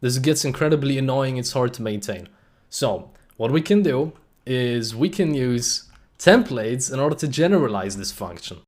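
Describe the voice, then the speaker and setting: A man from Germany hosts a live-streamed technical talk in a middle-pitched voice. He explains step by step in a relaxed, conversational way. Frequent "uh" fillers run through his speech, and he stops now and then to answer the chat. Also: moderate pace. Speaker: host and presenter.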